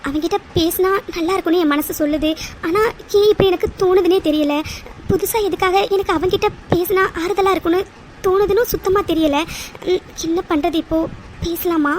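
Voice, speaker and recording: Cartoon lead: woman voicing a gentle young orphan girl, very high pitch, soft and pleading. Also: fairly quick, slight background noise. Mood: wistful. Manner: soft, pleading, hesitant self-talk.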